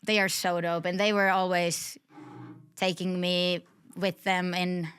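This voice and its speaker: A woman's voice: on the low side, a little slow, smooth. A young woman from Finland, a guest on a podcast, chatting casually with lots of fillers. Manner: relaxed, uses filler "like" often. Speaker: guest snowboarder.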